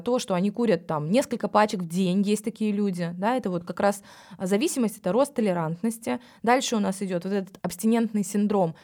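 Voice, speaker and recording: A woman's voice: medium pitch, a little mellow. A woman, a psychologist, explaining things in a podcast, speaking frankly and addressing the listener directly.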